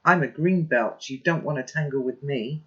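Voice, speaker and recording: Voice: medium pitch, moderate pace, dull audio, close to an everyday voice. A reader voicing a blustering teenage boy who snarls in angry bravado. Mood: boastful.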